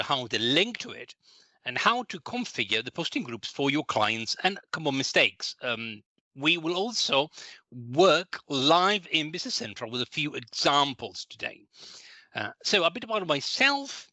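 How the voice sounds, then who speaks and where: Bright-voiced man teaching a webinar. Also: fairly high pitch, no echo. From Italy. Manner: patient, explanatory, often restarts phrases. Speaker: trainer and consultant. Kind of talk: live online training webinar.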